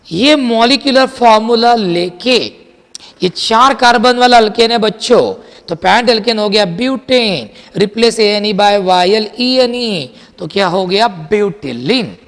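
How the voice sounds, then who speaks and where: A man teaching a chemistry lecture in a lively, chatty way, quizzing his students as he goes. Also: sits high, vocal fry, big-room sound. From India. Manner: lively, chatty, mixes Hindi with English terms, quizzes students. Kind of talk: classroom lecture.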